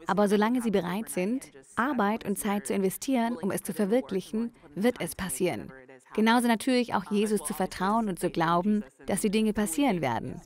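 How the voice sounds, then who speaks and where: A woman in her early twenties from Nebraska, a singer and songwriter answering interview questions in an earnest, plain-spoken way. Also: medium pitch. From Nebraska, USA. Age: 20s.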